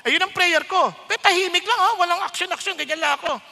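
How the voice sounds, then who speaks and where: A man's voice: very high-pitched, fast, creaky. A Filipino man, a pastor, preaching a sermon and telling his own story, acting out the voices he quotes. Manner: animated storytelling, acts out quoted voices, mixes English and Tagalog. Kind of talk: sermon with personal testimony. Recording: long reverb of a large hall.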